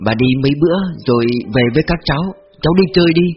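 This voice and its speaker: A man voicing a grieving old grandmother, gentle and resigned, speaking softly and pleadingly. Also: a little high, racing, breathy edge. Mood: tender. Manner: soft and pleading. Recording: dull lo-fi audio with faint music.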